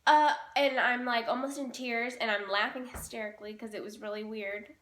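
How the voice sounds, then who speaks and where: A woman's voice: a little high, fairly even intonation, brisk, a bit bright. A woman in her twenties chatting casually and teasingly in a home vlog. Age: 20s. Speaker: vlogger. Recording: echoey room.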